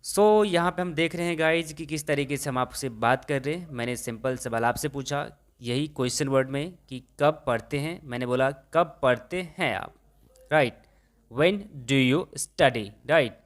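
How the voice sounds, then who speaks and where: Indian man teaching with slow examples. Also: medium pitch. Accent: Indian English. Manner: mixes English into explanations and repeats example sentences slowly. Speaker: English teacher. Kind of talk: casual online lesson.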